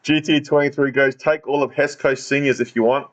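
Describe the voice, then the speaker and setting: A man's voice: mid-range voice, fairly even intonation, brisk. A man with a broad Australian accent hosting a casual football podcast, blokey and given to repeating himself. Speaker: podcast host.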